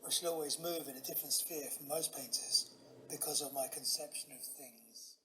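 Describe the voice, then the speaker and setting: A man playing a gloomy, proud painter speaking quietly and formally, with faint hiss in the background. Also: on the high side, steady tone, moderate pace, rough recording.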